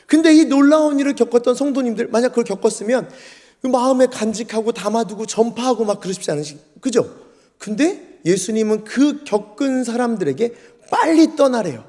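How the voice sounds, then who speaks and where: A male pastor preaching a sermon in a church, telling the story vividly and acting out the scenes. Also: high voice. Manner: lively storytelling, acts out scenes. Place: church sanctuary. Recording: long church hall reverb.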